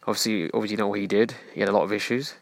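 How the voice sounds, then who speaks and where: Earnest low-voiced man. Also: fairly even intonation, very fast, vocal fry, a little hiss or hum. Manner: earnest, preachy, direct address to listener. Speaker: podcast host. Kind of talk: self-help podcast monologue.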